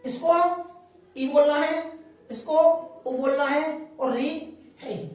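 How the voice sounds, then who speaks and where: A woman's voice: high-pitched, slow pace, a little mellow. A woman teaching a grammar lesson, repeating each point and quizzing her listeners with questions. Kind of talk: classroom lesson. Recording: very echoey room, voice from a distance.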